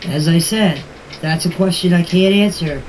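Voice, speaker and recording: A darkish, low-leaning female voice at an ordinary pace belongs to an older woman chatting informally in a group-chat voice message. She's opinionated and emphatic and says things again and again, all captured in a noisy amateur phone recording.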